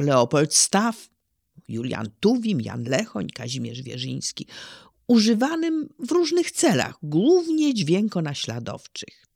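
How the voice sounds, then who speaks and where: Unhurried, gravelly lecturer on verse recitation, lively pitch, dry close sound. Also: no echo. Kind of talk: measured spoken lecture.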